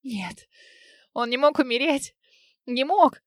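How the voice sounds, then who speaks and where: A woman's voice: fairly high pitch, moderate pace, dry recording, natural voice. A woman voicing a frightened young pregnant woman, tearful and pleading, in a dry audiobook reading. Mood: distraught.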